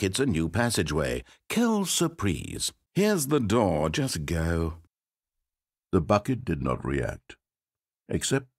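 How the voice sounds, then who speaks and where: A sardonic, condescending storybook narrator, who lays on dry mockery with a slightly husky, low voice. His pitch swoops widely from phrase to phrase, and the close, dead-dry studio sound puts him right in the listener's ear. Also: dry recording, exaggerated voice. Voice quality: dry, mocking delivery. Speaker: game narrator. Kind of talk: scripted video game narration.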